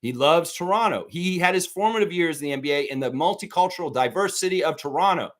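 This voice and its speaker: A man's voice: a little high, lively intonation, quick pace. A man hosting a live sports talk stream, ranting heatedly and swearing a lot while speaking straight to his viewers. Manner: profane, heated, repetitive ranting; addresses viewers directly.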